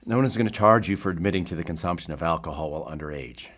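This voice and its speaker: In an audio drama, a male actor with a low-pitched voice plays a bureau therapist who is calm and probing, speaking in a formal, deliberate way.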